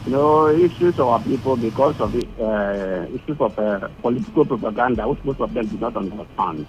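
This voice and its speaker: A Nigerian man calling in to a radio show over a phone line. He speaks haltingly and repeats himself while he looks for words. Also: medium pitch, expressive, darkish tone, faint music behind. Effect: heard over a phone line. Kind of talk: phone-in opinion call.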